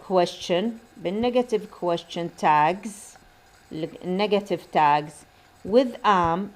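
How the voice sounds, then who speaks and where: Woman, English teacher, slow careful English examples, fast explanations. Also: mid-range voice. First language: Arabic. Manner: switches between slow, deliberate English examples and rapid Arabic explanation. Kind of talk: bilingual grammar lesson.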